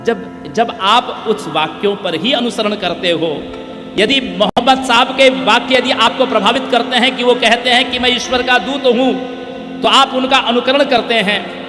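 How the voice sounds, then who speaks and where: Male preacher, high voice, emphatic rhetorical questions, long hall reverb, instruments playing behind. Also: unhurried. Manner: emphatic, rhetorical questions, chants Sanskrit verses. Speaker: katha preacher. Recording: echoey hall with music behind. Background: musical instruments.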